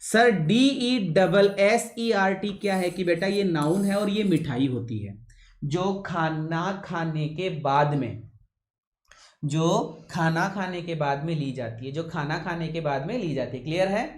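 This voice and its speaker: A man teaching English vocabulary in a classroom lecture, pausing often to ask his students whether they have understood, and deliberately slowing his usually fast speech. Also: fairly high pitch. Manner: keeps checking with students, calls them son. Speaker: English teacher for exam coaching. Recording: echoey room.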